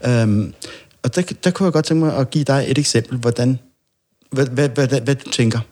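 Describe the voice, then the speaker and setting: A man's voice: mid-range voice, a little mellow. A man chatting as a podcast guest, telling long rambling anecdotes and acting out the dialogue in them. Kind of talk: casual storytelling chat.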